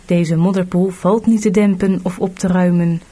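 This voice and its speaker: Woman reading a calm helpful rescuer. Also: on the low side, moderate pace, lightly acted.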